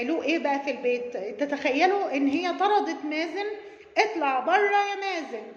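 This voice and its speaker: A woman's voice: sits high, roomy sound, big-room sound, dull audio, a little hiss or hum. A woman with an Egyptian Arabic accent giving mocking commentary on a viral video, sarcastic and scolding, laughing as she talks. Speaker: YouTube commentator.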